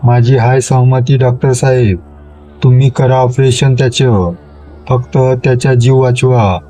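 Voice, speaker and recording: A man's voice: medium pitch, fairly even intonation, measured pace, dark tone, close to an everyday voice. A man playing a desperate pleading father. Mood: urgent. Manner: pleading, tearful, rural speech. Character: desperate village father begging for his son.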